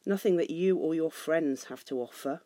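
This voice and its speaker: A woman's voice: low-pitched, normal speed, no echo, natural voice. A woman voicing a proud, stubborn dwarf king from a storybook, imperious and scornful. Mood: haughty, dismissive. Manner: imperious, scornful, shouting in rage.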